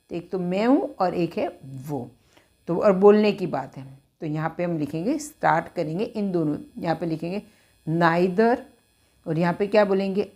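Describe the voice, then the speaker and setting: A woman teaching English grammar step by step, repeating each phrase and mixing English words into her explanations. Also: fairly low pitch.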